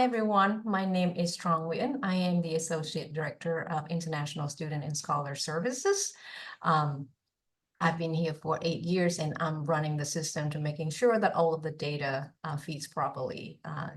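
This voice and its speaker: A woman's voice: deep voice, steady tone, moderate pace. A woman who is an associate director of international student services, introducing colleagues politely with some hesitant uhs. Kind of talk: webinar introduction.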